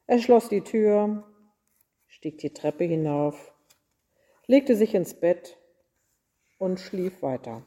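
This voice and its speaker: Woman reader, unhurried storytelling, warm dark voice, reverberant hall. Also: fairly low pitch, animated. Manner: measured, deliberate storytelling. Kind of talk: reading Christmas stories aloud.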